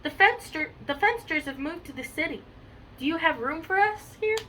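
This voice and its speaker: A woman's voice: very high voice, animated, normal speed, bright, forceful tone, recorded from a distance, a little hiss or hum, voice pushed up, full character voice, low-quality recording. A woman voicing a worried female farm cow in a storybook, pleading.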